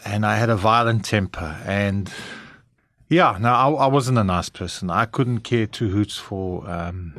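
A man's voice: fairly low pitch, unhurried, a bit bright, dry recording, clean studio sound. A middle-aged South African man with a South African English accent, frankly telling his personal testimony as an interview guest. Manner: candid, frank storytelling.

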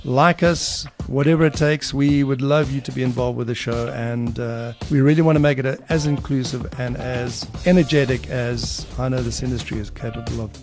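A jovial man in his sixties, co-hosting a podcast in an energetic, chatty presenter manner. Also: medium pitch, moderate pace, hardly any pauses, faint music behind. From South Africa. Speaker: podcast co-host. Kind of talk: casual podcast chat.

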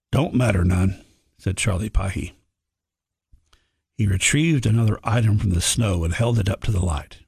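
A man's voice: on the low side, gravelly, a little mellow, slightly rough, no echo, clean studio sound. A man reading a frontier horror story aloud, voicing the prospectors' dialogue in a folksy drawl. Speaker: narrator.

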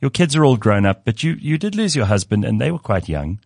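A man's voice: mid-range voice, big pitch swings, fairly quick, creaky, a little mellow, no room sound, studio quality. A man hosting an in-depth interview, asking probing questions and adding brief sympathetic remarks. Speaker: interview host.

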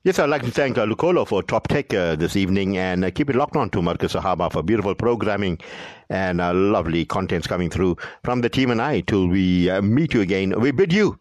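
A man's voice: low voice, expressive, a little fast, dry recording. An older man with a South African Indian accent hosting on radio, speaking in a polite and deferential manner. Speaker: radio host. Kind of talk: brief responses and programme sign-off.

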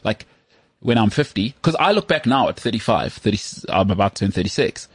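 A man's voice: fairly low pitch, lively intonation, fairly quick, slightly rough, no room sound. A man in his thirties hosting a casual chat, rambling and self-mocking with lots of restarts. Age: 30s. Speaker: podcast host.

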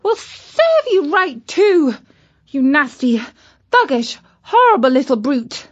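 A woman's voice: sits high, big pitch swings, slow pace, dull audio, voice pushed up, exaggerated voice. A woman voicing a bold young girl witch who scolds sharply. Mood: indignant.

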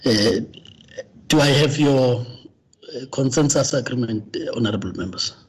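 A man chairing a formal committee meeting, speaking haltingly with many fillers. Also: medium pitch, slightly rough, low-quality recording.

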